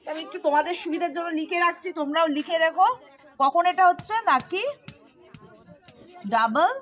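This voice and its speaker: A woman's voice: very high voice, moderate pace, fairly bright tone. A woman teaching English to students, patiently explaining and often checking that they follow along. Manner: patient, asks pupils questions often.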